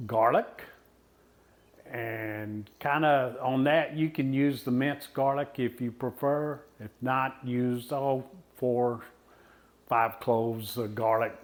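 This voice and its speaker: A man in his sixties with a West Texas twang, talking through a cooking demonstration in a folksy, unscripted way with pauses. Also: mid-range voice. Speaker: home cook presenting a recipe.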